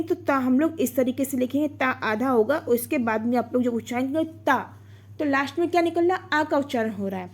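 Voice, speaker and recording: A woman's voice: sits high, a little mellow. A woman teaching an online exam-prep grammar lesson, explaining step by step, asking her own questions and answering them, sounding out vowels and syllables.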